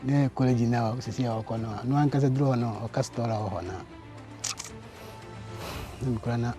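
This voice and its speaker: Mellow-voiced Ghanaian man, easy interview. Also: mid-range voice, fairly quick, soft background music. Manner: chuckles between phrases. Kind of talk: interview in a local language.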